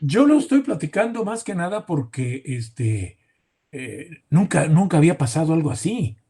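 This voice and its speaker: Husky host, mellow tone. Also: male voice, on the high side, very animated, normal speed. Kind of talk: casual interview talk.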